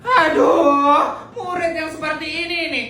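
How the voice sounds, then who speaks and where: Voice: high-pitched, fairly even intonation, a little slow, a little hiss or hum, pitched above the performer's own voice, heavily acted. A performer voicing a strict, angry male schoolteacher in a comedy skit, scolding a pupil. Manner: scolding, shouting, mocking. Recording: echoey room with loud background music.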